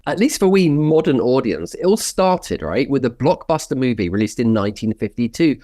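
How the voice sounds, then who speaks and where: A man co-hosting a history show, speaking in an animated, jokey, theatrical way. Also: mid-range voice, moderate pace, dry recording, clean studio sound. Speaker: co-host.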